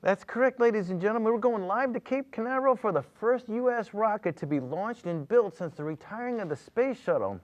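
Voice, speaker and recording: A man playing a TV news anchor in a parody newscast, halting and stammering in his delivery. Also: high-pitched, lively intonation. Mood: excited reporting. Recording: slightly dull, lo-fi audio.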